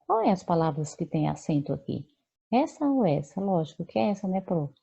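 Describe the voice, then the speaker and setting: A woman's voice: lowish voice, big pitch swings, fairly quick, creaky, mellow, breathy edge. A Brazilian woman teaching a remote lesson, explaining patiently with many fillers and check-ins to her students. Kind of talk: remote lesson correcting homework.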